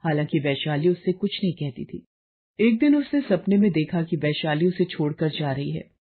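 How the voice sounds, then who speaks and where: A woman narrating a bedtime storybook, dramatic and emotive, with a husky voice. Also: low voice, animated, normal speed. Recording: muffled phone-like lo-fi audio.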